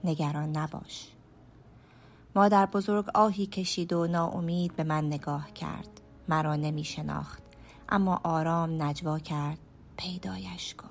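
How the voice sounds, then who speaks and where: A woman with a low voice tells a first-person radio story. She narrates in a hushed, measured way and sometimes sinks into a whisper. Soft music runs under her words. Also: fairly even intonation. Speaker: storyteller and writer.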